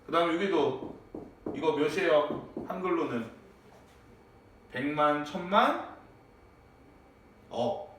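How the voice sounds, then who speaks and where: A man teaching a high school English class in a classroom, checking on students with frequent tag questions. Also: takes it slowly, pauses often, a bit bright. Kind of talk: classroom lecture. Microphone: far from the mic. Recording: echoey classroom, distant mic, faint noise.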